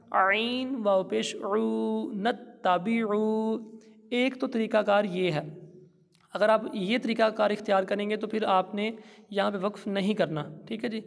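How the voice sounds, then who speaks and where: A man teaching Quran reading, spelling out syllables slowly and stretching the recited words. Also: sits high, creaky, long reverb tail. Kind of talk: slow letter-by-letter Quran recitation lesson.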